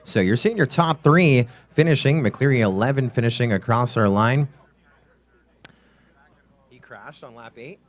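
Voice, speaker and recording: A man calls a drone race live, running through lap times in quick play-by-play. He breaks in with sponsor reads between the action, in the even voice of an event announcer. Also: mid-range voice.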